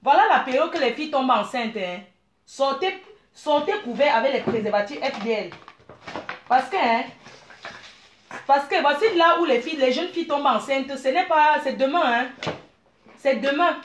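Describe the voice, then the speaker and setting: A middle-aged woman from Cameroon, giving blunt, animated advice and calling her listeners dear. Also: sits high, normal speed, long pauses, echoey room, slight background noise. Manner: blunt, animated, calls listeners "maman" and "ma chérie". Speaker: business owner. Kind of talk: frank advice monologue.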